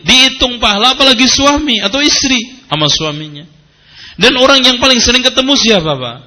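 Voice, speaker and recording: Bright, animated preacher man. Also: on the high side. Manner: animated, jokes with the audience, quotes Arabic. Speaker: Islamic preacher. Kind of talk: sermon with humor.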